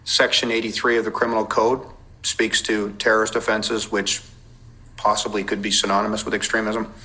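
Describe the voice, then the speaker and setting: A man's voice: lowish voice, level tone, sharp tone, poor audio. A man, a police intelligence officer giving careful, precise formal testimony under cross-examination. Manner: measured, precise, careful wording with legal references.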